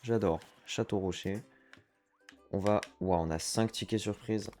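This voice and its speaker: A man's voice: on the low side, unhurried, mellow, soft background music. A man giving chatty let's-play commentary as a gaming streamer, reacting aloud to the game and dropping English slang.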